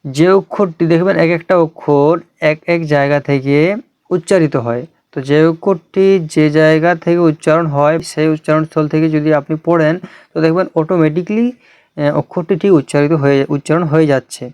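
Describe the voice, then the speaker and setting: Man with a high, smooth, dry voice teaching. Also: fairly even intonation, darkish tone, no room sound. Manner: slow drawn-out letter-by-letter recitation with explanations; reassuring, invites viewers to ask questions. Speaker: Quran reading teacher. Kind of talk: online recitation lesson.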